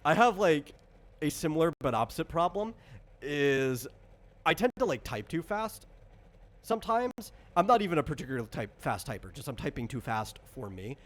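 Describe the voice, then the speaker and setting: Speaking at a normal speed with a fairly high, very animated voice, this man hosts a laid-back tabletop character creation chat as the game designer. His explanations wander and keep correcting themselves. The audio comes from an online voice call recorded on a computer, and background noise is clearly audible on the chat.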